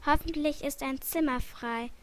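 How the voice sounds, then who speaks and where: A woman's voice: sits high, close to an everyday voice. A woman reading as a puzzled mother. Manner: slow, plain read-aloud delivery. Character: patient, puzzled mother of two.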